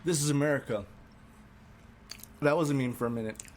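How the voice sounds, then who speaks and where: A man's voice: mid-range voice, a little fast, a little mellow, a little hiss or hum. A tipsy man co-hosting a casual podcast chat, rambling and chuckling as he talks and swearing freely. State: tipsy from drinking. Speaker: podcast co-host; musician.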